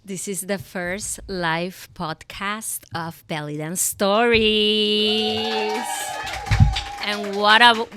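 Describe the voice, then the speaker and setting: Hosting a live podcast, a woman with a fairly low voice introduces her guest and asks about her story. She's captured on a live event microphone, with noise in the background.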